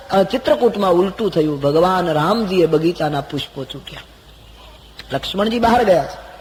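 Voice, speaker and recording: A man giving a devotional storytelling discourse, moving between soft murmured asides and loud raised exclamations, now and then singing verses slowly. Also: fairly high pitch, big-room sound, a little hiss or hum, poor audio. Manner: slowly sings scripture verses. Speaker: spiritual storyteller.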